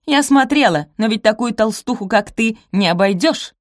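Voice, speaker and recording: A woman's voice: a little high, animated, moderate pace, no room sound, clean studio sound, pitched above the performer's own voice, close to an everyday voice. A woman reading aloud and voicing a haughty, spoiled young lady who snaps and sneers. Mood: snappish. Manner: snapping, scornful.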